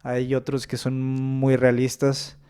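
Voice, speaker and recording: A man with a Mexican accent, a guest who writes short stories, speaks in a casual podcast chat. His voice is smooth and resonant at a middle pitch. He hesitates often and thinks aloud between filler words. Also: completely flat delivery, takes it slowly, dark tone. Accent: Mexican Spanish.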